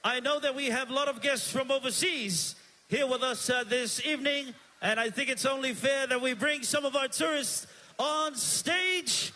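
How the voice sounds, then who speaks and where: A man with a Samoan accent emceeing a live evening stage show, energetic and calling out to the crowd while switching between Samoan and English on a handheld microphone. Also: extremely high pitch, moderate pace. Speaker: master of ceremonies.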